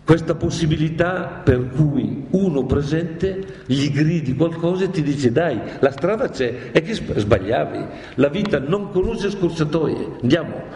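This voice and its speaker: A man lecturing on stage in a large hall, his voice a touch high and theatrical. The long reverb of the room trails every word, over faint ambient noise. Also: a little slow, hardly any pauses. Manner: dramatic, animated, theatrical. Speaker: speaker lecturing on Dante. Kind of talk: lively public talk. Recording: echoey hall.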